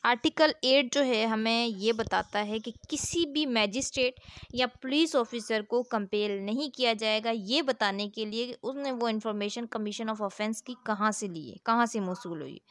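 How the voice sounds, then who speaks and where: A woman with a Pakistani accent and a high-leaning voice lectures on law, reading formal text aloud and explaining it didactically. She repeats her points and asks rhetorical check questions. The recording has no echo.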